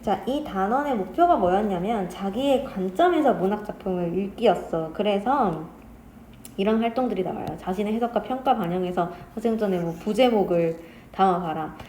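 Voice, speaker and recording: A woman teacher explaining a classic story in a casual lecture, talking straight to her students and quoting the characters in lively voices. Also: mid-range voice, normal speed. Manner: chatty, quotes characters in lively voices, addresses students directly. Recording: echoey room with faint ambient noise.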